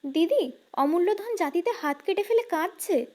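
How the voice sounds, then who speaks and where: A woman's voice: very high-pitched, animated, normal speed, dark tone. A woman voicing an anxious housemaid who hurries in with news and excuses herself. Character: anxious housemaid, quick to report.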